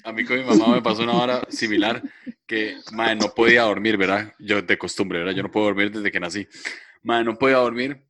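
A man's voice: fairly low pitch, steady tone, a little fast, fairly bright tone. A young man with a Costa Rican accent, recounting a story in casual podcast chat. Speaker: podcast co-host.

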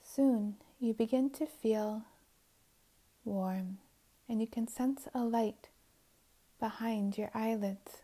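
A woman guiding a meditation in a soft, soothing voice, often drifting into whispers. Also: fairly high pitch, steady tone, slow pace. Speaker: meditation guide. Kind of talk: guided meditation narration.

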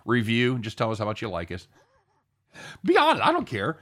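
A man's voice: lowish voice, lively intonation, fast, fairly bright tone. A man hosting a live sports betting show in casual, jokey banter, irreverent and given to casual swearing.

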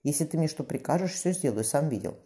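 A man reading a tearful, devoted young man's lines, pitching his voice up. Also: animated, quick pace, mellow, lightly acted. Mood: pleading.

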